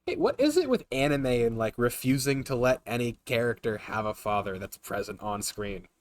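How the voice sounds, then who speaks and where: A man's voice: medium pitch, very animated, normal speed, no room sound. A man streaming a game, reading its text aloud and commenting casually with joking asides. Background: game music.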